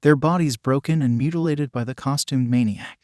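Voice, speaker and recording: A man's voice: mid-range voice, moderate pace, warm tone, dry recording, clean studio sound, close to an everyday voice. A synthetic male narration voice reading the lines of a solemn woman news anchor in a storybook reading.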